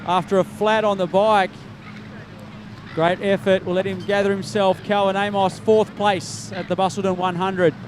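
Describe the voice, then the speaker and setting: A man's voice: high voice, level tone, moderate pace, noisy background. A man giving upbeat live commentary at a race finish, calling names and results. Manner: upbeat, calls names and results, says mate often. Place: outdoor race finish area.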